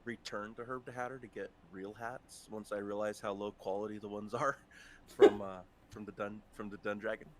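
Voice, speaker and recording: A man playing in a tabletop game, chatting casually, laughing often and getting excited as he plans his character's moves. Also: lowish voice, normal speed. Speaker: player.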